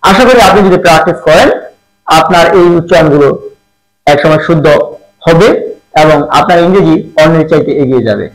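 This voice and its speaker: A man's voice: fairly high pitch, expressive, a little fast, roomy sound, low-quality recording. A man teaching English pronunciation, drilling each word by repeating it several times and asking rhetorical questions.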